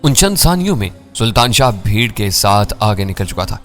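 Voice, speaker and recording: Low-voiced man reading a thriller. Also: very animated, a bit bright, soft background music. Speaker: storyteller. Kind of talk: scripted first-person thriller narration.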